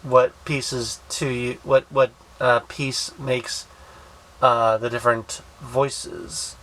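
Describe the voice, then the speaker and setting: A man casually reviewing a toy, thinking aloud with halting restarts. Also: mid-range voice, flat delivery, a bit bright, low-quality recording. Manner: hesitant, many fillers and restarts, thinking aloud.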